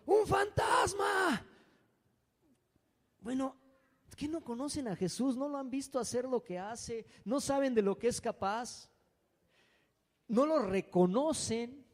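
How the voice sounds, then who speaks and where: A man's voice: sits high, a little mellow. A man preaching a sermon as pastor, dramatic and acting out frightened voices. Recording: long hall reverb.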